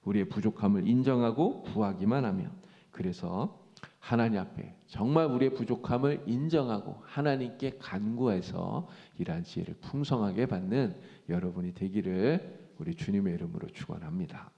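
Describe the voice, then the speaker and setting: A man pastor preaching a sermon in a church, animated and acting out quoted speech. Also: fairly low pitch, normal speed, vocal fry, muffled recording. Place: church sanctuary. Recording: church hall reverb.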